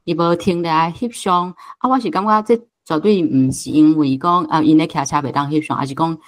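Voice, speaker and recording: Her voice is low and fairly quick. As a guest speaker who hosts a book club, she reflects aloud without a script in a Taiwanese accent, often hesitating and ending phrases with trailing particles.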